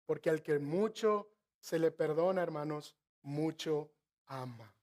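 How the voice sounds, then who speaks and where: Middle-aged Mexican pastor, raised pitch, storytelling sermon with asides to the congregation. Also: male voice. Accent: northern Mexican. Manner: slows and softens to stress key phrases.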